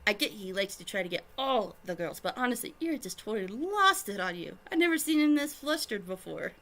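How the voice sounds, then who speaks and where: A woman's voice: mid-range voice, very animated, brisk, fairly bright tone. A woman voicing a flustered young male bird-folk rogue who stammers, in a storybook reading. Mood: amused.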